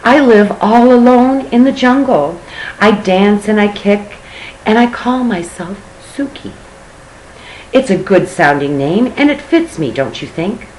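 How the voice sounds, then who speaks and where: A woman's voice: mid-range voice, animated, unhurried, darkish tone, slight background noise, pitched above the performer's own voice, lightly acted, poor audio. A woman voicing a young male storybook elephant, innocent, earnest and pleading, unsure of himself and eager to please. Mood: cheerful, naive.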